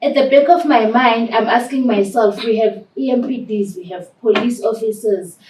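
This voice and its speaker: A woman's voice: on the high side, moderate pace, a little mellow, slight background noise. A woman co-hosting a talk show, asking earnest questions with hesitant starts and a lot of "like", recorded from a distant mic in a roomy space. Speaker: co-host.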